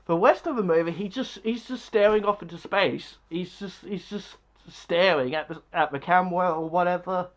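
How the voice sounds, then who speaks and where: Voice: mid-range voice, moderate pace, hardly any pauses. Rambling, blunt casual movie reviewer. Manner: rambling, heavy on filler words; blunt and dismissive.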